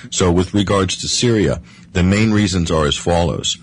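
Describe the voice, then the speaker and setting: A man with a husky voice giving analytical political commentary as an interview guest, emphatically laying out points one by one with halting starts. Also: low-pitched, a little hiss or hum.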